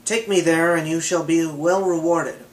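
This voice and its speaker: A youthful male god from an old myth, pleading and then commanding, in a somewhat high voice and a quick, lightly lifted delivery, as a man reading a storybook puts him on. It stays close to a plain reader's voice. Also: steady tone, lightly acted. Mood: assured.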